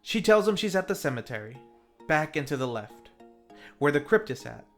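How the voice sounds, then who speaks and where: A man with a slightly high, very animated voice hosts a film review show at normal speed, narrating a scripted recap in a playful, tongue-in-cheek style with theatrical asides. Faint background music sits under his voice.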